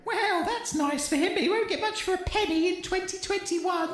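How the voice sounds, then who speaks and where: A fussy pantomime mother scolds and exclaims in a very high voice, played by a woman. Her lines carry a long reverb from the room. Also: normal speed, noisy background. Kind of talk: amateur audio pantomime.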